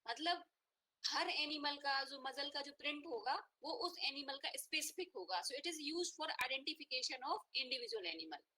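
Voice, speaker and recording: A woman's voice: high-pitched, animated, a little slow, sharp tone, a little hiss or hum, low-quality recording. An Indian woman teaching an online veterinary anatomy class, mixing Hindi and English and often checking in with her students. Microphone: online class audio.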